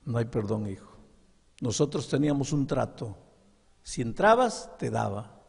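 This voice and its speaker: A man's voice: mid-range voice, sing-song, a little slow, creaky, a little mellow, husky, big-room sound, heavily acted. A man voicing a stern but loving mother who firmly scolds her son. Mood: stern scolding. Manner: firm, scolding.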